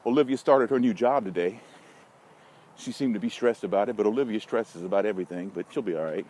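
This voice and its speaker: A man's voice: lowish voice, quick pace, darkish tone. An American man talking casually and bluntly to listeners while out walking in a park, rambling with wry, folksy asides. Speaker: vlogger and social media marketing consultant. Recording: noisy outdoor walking recording, vehicle sounds. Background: outdoor city ambience, passing vehicles.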